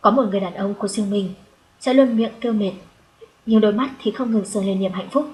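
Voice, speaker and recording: A woman narrating a story in the first person as an audiobook, in a calm, reflective way. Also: medium pitch, brisk, a little hiss or hum, rough recording.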